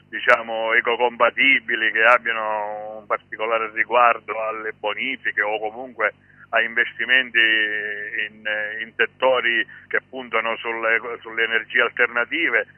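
A man, a guest activist speaking over the phone on a radio show, explaining his points with frequent pauses and restarts. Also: mid-range voice, no echo. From Sicily. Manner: hesitant, many fillers and restarts, explanatory. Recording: tinny phone line.

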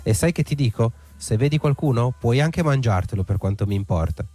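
A man voicing a sly, shrill old female witch-shaman in a storybook reading. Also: expressive, brisk, mellow, faint music behind, lightly acted. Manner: shrill, mocking.

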